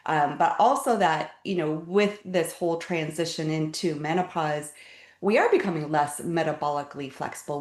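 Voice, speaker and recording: A middle-aged woman with a low voice explains things step by step as an interview guest, often repeating words along the way. The recording has a roomy echo around her. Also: a little mellow. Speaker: guest health expert. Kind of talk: casual explanatory talk. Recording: echoey room.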